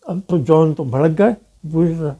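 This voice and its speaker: A man's voice: on the high side, mellow. An older man from Pakistan, a detective novelist interviewed about the past, telling stories and acting out what other people said. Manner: recounts stories, acting out others' quoted words. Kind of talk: anecdotal storytelling.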